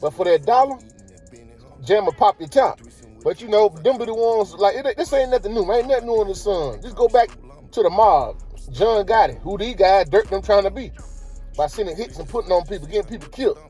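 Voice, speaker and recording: A man's voice: high voice, expressive, brisk, dark tone, soft background music. A man hosting a casual commentary vlog, talking in slang and throwing rhetorical questions at his viewers. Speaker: commentary channel host.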